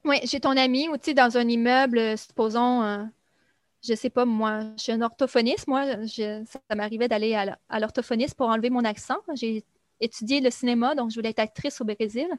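A young adult woman, explaining things in a relaxed conversation, chatty and full of fillers. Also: a little high, fairly quick, dry recording, studio quality. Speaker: guest recounting life in Brazil. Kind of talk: casual conversation.

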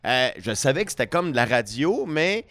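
Québécois comedian, halting, dry sound. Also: male voice, mid-range voice, big pitch swings, fairly bright tone, no echo. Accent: Québécois French. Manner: rambling, halting restarts. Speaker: comedian guest. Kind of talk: casual podcast chat.

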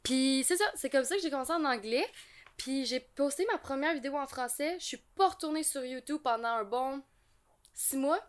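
A woman's voice: sits high, normal speed. A woman from Quebec with a Québécois accent, a guest on a podcast, chatting in an easygoing way about making ASMR videos. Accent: Québécois French. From Quebec, Canada. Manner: easygoing, chatty, laughs often. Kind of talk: casual interview chat.

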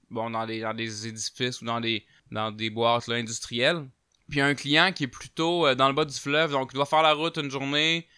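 A man with a Québécois accent casually telling a paranormal story, chatty with many fillers, getting loud at tense moments. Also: mid-range voice, clear, resonant tone, no echo, clean studio sound.

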